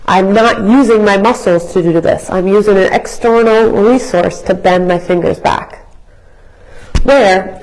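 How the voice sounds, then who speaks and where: A young woman with a raspy, mid-range, darkish voice is hoarse while recovering from an illness. She leads a live workout class as a fitness instructor, explaining in a chatty, educational way, often restarting sentences and using fillers. The audio quality is poor.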